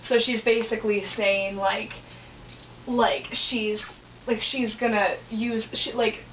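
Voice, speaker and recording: A woman's voice: a little high, little pitch movement, slow pace, slight background noise. A young woman student teacher, answering hesitantly and thinking aloud with many likes and ums. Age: young adult. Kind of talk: casual discussion. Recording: roomy distant lo-fi recording.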